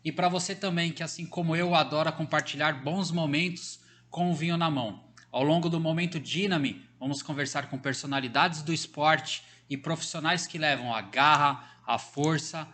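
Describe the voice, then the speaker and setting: A man's voice: on the high side, normal speed, hardly any pauses, sharp tone, slight background noise. A man from Brazil hosting a casual sports podcast interview, upbeat and jokey, often chiming in. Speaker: podcast host.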